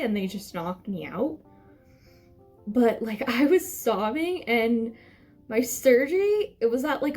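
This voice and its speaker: High-pitched young woman, chatty storytime. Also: a little mellow. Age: young adult. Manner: rambling, self-correcting, emphatic. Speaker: vlogger telling a personal story.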